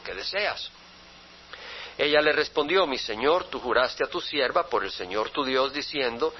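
A man's voice: mid-range voice, slight background noise. A male pastor reading scripture aloud and then preaching on it, turning to his listeners with rhetorical questions. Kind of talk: sermon, Bible study. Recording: dull lo-fi radio broadcast.

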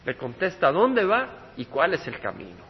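High-voiced preacher in a reverberant hall. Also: male voice, huge pitch swings, normal speed. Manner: preaching with rhetorical questions, swinging from loud to hushed. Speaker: pastor. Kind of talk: sermon. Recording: dull lo-fi recording with long hall reverb.

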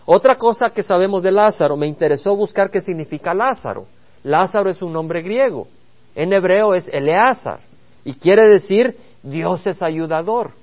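A man's voice: sits high, expressive, moderate pace, highs cut off. A man preaching a Bible study sermon, earnest and addressing the congregation with rhetorical questions. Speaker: pastor.

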